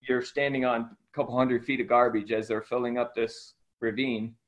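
A middle-aged missionary aid worker from Ecuador, raised by missionary parents, tells his story conversationally as an interview guest. His medium-pitched voice is delivered flatly at a moderate pace, and the recording is slightly dull.

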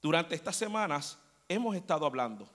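A male preacher tells a story to his church in an animated way, now and then asking the room to agree. His voice sits a little high for a man. It carries a long reverb from the sanctuary. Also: brisk. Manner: animated storyteller, asks the congregation "¿verdad?". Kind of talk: storytelling sermon.

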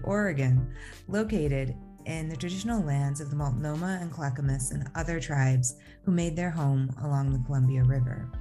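Brief: warm, low woman host, formal intro, soft music underneath. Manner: measured, formal. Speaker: podcast host. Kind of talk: reading a show introduction.

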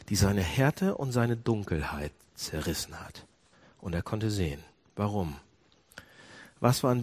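A man preaching a sermon who swings between soft, low passages and loud, high ones, and asks the congregation direct questions. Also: husky.

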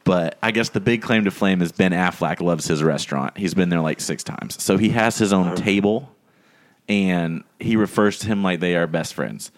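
A man's voice: sits low, moderate pace. A man hosting a podcast, telling a long anecdote in casual chat and acting out the people in it. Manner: animated storyteller, acts out quoted voices. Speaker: podcast host.

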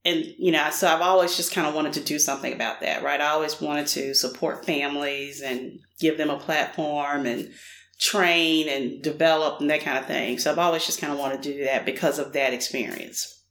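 A middle-aged woman from Nashville, Tennessee, speaks as a podcast guest, answering candidly and casually with lots of fillers while staying thoughtful. Her voice is low and fairly bright, with fairly even intonation and a moderate pace. The recording has a roomy echo.

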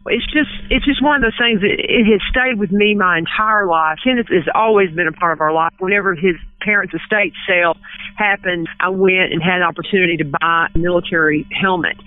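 A woman in her fifties from West Kentucky, a guest calling in who recalls a personal memory earnestly, with halting restarts. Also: lowish voice, no echo. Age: 50s. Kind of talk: emotional personal recollection on the phone. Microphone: telephone. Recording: tinny phone line.

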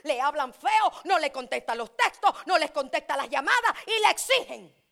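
A woman preaching a fervent sermon at a church service. She swings from shouting to hushed pleading and breaks into speaking in tongues. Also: high-pitched, very animated, normal speed, creaky. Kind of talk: Pentecostal sermon.

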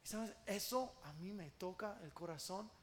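A man preaching a sermon with passion, acting out quoted prayers in loud bursts. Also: sits high, moderate pace, slight background noise.

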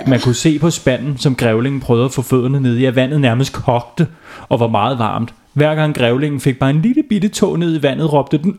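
A man's voice: medium pitch, darkish tone. A man, a father, telling a silly bedtime story to children, playful and often asking them questions.

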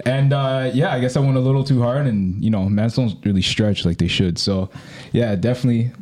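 A man's voice: mid-range voice, brisk, a little mellow. A man in his thirties co-hosting a podcast in casual, slangy conversation, repeating phrases for emphasis. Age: 30s. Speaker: podcast co-host. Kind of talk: casual chat.

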